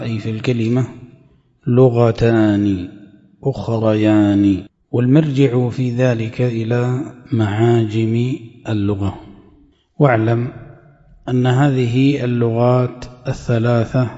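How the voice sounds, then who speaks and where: A man gives a classical grammar lesson, slowly working through a text and stretching quoted words for emphasis. His voice is dark and mellow. The recording is dull and muffled, with long reverb from a hall. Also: medium pitch. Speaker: teacher explaining a grammar text.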